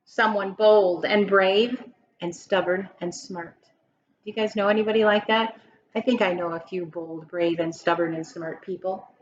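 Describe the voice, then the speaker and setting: Her voice medium in pitch and steady in tone, a woman reads a picture book aloud to children at a moderate pace, using emphatic, dramatic phrasing and asking her listeners questions as a teacher might. The sound is lo-fi with slight background noise.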